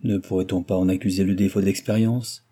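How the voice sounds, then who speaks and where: A man's voice: low-pitched, level tone, brisk, mellow, slightly rough. A man voicing a witty older doctor who teases dryly while reading a novel aloud. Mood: teasing. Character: witty older male doctor, teasing and dry.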